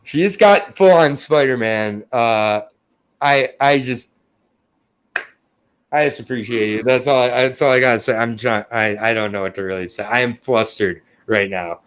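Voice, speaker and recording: A man's voice: mid-range voice, unhurried, a bit bright, smooth. Profane, flustered young man co-hosting. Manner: profane, self-deprecating, flustered. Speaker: podcast co-host. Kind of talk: casual chat.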